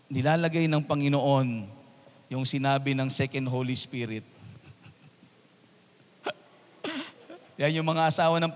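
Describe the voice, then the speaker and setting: A high-voiced man preaches a sermon as pastor, moving between loud, emphatic passages and soft, quiet asides. His voice rings out with a long reverb in a church hall.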